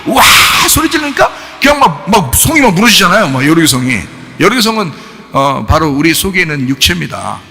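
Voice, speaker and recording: A male pastor preaches with a high, lively voice that leaps up and down in pitch. His tone is bright and forceful, and he fires questions at the congregation and bursts into shouts. A long hall reverb trails behind him. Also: fairly quick, vocal fry, a little hiss or hum. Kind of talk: sermon. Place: church sanctuary.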